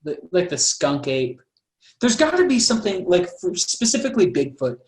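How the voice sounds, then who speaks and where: A man's voice: sits high, sing-song, moderate pace. Rambling man in an echoey room. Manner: rambling, many "like" fillers, swears. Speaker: podcast co-host. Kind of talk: casual chat. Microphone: video call.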